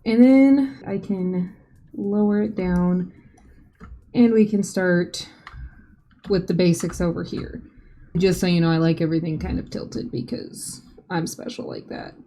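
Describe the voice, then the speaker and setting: A woman's voice: lowish voice, fairly even intonation, measured pace, dark tone, slight background noise. A woman hosting a drawing tutorial, talking in a casual, chatty voice-over with light self-joking asides. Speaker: art tutorial host. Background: faint background music.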